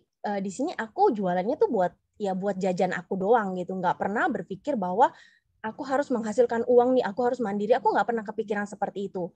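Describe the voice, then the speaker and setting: A woman in her thirties from South Sulawesi, Indonesia, a business presenter and stay-at-home mom, gives a personal testimonial talk. Her medium-pitched voice has a darkish tone with no room sound, and she tells her story in an earnest, heartfelt way.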